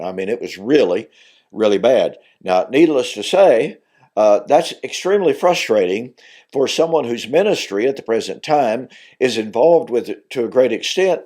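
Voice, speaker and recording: An older man, a minister teaching on video, delivers a Bible teaching monologue in a lowish, darkish voice still weakened as he recovers from losing it. He is earnest and grows emphatic on key points.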